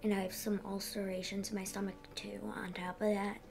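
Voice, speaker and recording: A thirteen-year-old girl giving a candid personal interview in halting, youthful casual phrasing. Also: mid-range voice, little pitch movement, vocal fry, over music. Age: 13, young teenager. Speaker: interviewee, young patient.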